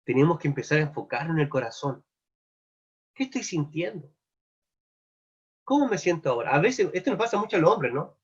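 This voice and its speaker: A man's voice: on the high side, very animated, fairly quick, pauses often, breathy edge. A man with a Chilean accent preaching a sermon at a live virtual church meeting, earnestly asking his listeners one searching question after another. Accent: Chilean Spanish. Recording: dull lo-fi online meeting audio.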